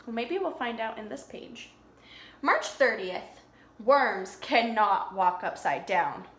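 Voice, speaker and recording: Reading a picture book aloud to little children, a woman speaks slowly in a fairly high, very animated, somewhat bright voice. She uses simple explanations and questions for her listeners, like a preschool teacher, and the room is echoey.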